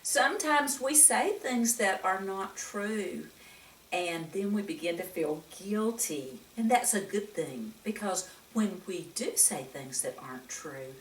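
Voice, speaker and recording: Taking her time, a woman with a medium-pitched voice and lively intonation reads a picture book to young children. She reads expressively, with exclamations and frequent questions to the listener, in an echoey room on a distant microphone.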